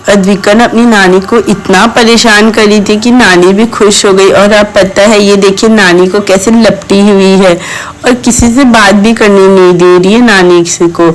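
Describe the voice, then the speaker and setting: Woman vlogger, mid-pitch voice-over, chatty and fond, keeps addressing viewers. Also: fairly even intonation, unhurried, rough recording. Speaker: vlogger and mother. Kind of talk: chatty family vlog voice-over.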